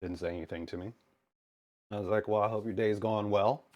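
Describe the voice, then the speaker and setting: An American man streamer telling a story to his chat in an animated, exasperated way, acting out both sides of the exchange. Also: fairly low pitch, a little fast. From United States. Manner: animated, exasperated retelling with quoted dialogue.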